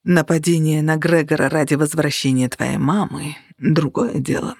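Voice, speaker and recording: A reader voicing a stern, protective male vampire who speaks low, firm and hushed. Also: steady tone, moderate pace, vocal fry, no room sound, clean studio sound.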